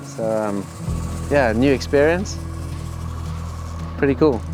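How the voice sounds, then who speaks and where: A man with a South African accent talks casually at a middle pitch. Music plays clearly behind him as he speaks outdoors on a boat. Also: slow. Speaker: safari outfitter, guest angler. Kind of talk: casual chat.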